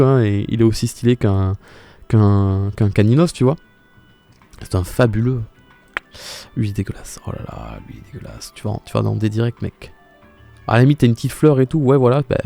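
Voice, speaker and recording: A young male streamer with a mellow, dark-toned voice, chatting casually and exclaiming as he answers his viewers. Faint music plays behind him. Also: mid-range voice, creaky. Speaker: live streamer. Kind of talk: casual live-stream commentary.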